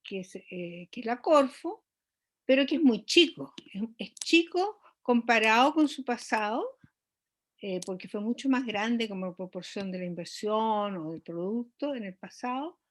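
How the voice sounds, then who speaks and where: Hesitant, measured woman economist. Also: fairly high pitch. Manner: measured, many hesitations and restarts. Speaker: economist guest. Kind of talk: explanatory interview talk.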